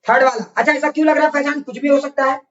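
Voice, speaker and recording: A man's voice: extremely high pitch, fairly even intonation, rapid-fire, a bit bright, roomy sound, distant mic, dull audio. A male physics teacher giving an online class lecture, drilling points over and over and scolding students with constant check questions.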